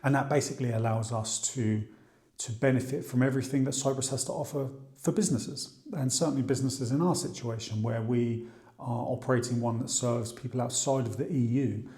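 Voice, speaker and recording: A man's voice: medium pitch, a little mellow. A man from the UK talking casually to camera in a vlog, chatty and thinking aloud. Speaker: vlogger. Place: outdoors by the sea, then at home.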